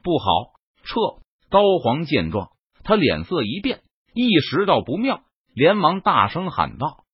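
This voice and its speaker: Male audiobook narrator, dramatic and animated, husky tone, dry muffled recording. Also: on the high side, a little slow, no echo. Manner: expressive storytelling. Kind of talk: dramatic web novel narration.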